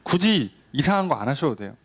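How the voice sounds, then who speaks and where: Man, pastor, conversational sermon, rhetorical questions, animated pitch. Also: quick pace, breathy edge. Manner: conversational, asks rhetorical questions, acts out quoted lines.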